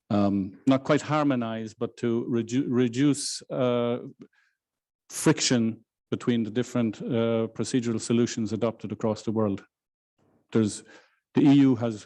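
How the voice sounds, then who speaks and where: A man delivering a university law lecture in a measured, halting way. He often restarts his phrases and fills the pauses with ums. His voice sits at an ordinary middle pitch. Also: mellow. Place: lecture room in Brussels, hybrid with online audience.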